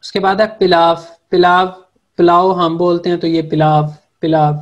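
A man's voice: high voice, level tone, moderate pace. A man, a native Urdu speaker from Pakistan, teaching a language class over a video call. He repeats each word several times before explaining what it means. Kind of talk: online vocabulary lesson. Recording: muffled video-call audio.

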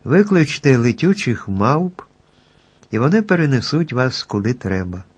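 A man's voice: medium pitch, a little slow, slightly rough. Ramina, a dignified mouse queen read by a man. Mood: gracious. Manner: calm, gracious and dignified. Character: dignified queen of field mice, a female fairy.

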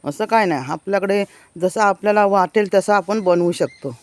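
A woman's voice: medium pitch, moderate pace, darkish tone. Woman, walking village tour, enthusiastic, keeps saying look, outdoors, handheld phone, birdsong. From Konkan, India. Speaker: vlogger giving a village tour. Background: birds chirping.

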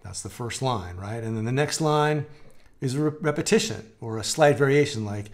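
A man in his forties teaching a guitar lesson in a relaxed, conversational way, his voice a little gravelly from a dry throat. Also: medium pitch, moderate pace. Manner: relaxed, conversational, explaining with hand gestures and demonstrating. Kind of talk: live-streamed guitar lesson. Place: home music room with guitars on the walls.

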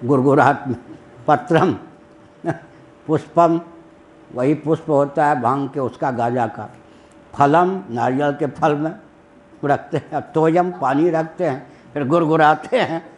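A man giving a slow, unhurried religious discourse on scripture, chanting Sanskrit lines and chuckling at his own stories. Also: on the high side.

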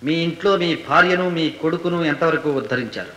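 An actor playing a sharp, insistent lawyer cross-examining witnesses in an old film. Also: male voice, fairly high pitch, quick pace. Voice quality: probing, insistent. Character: sharp probing male defence lawyer. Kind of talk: 1970s Telugu film acting. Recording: echoey old film soundtrack.

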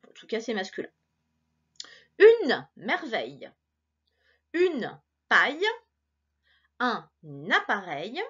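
A woman teacher giving a recorded reading lesson to a child, encouraging and playful, stretching out words slowly. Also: medium pitch, fairly bright tone, husky, muffled recording. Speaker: primary school teacher.

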